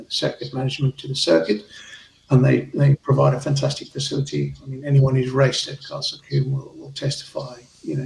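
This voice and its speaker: A man with a Zimbabwean accent, chatting casually as a guest on a racing club show, with a friendly, halting way of talking. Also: mid-range voice, creaky, echoey room, far from the mic, rough recording. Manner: hesitant, restarts phrases, friendly. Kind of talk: casual interview chat.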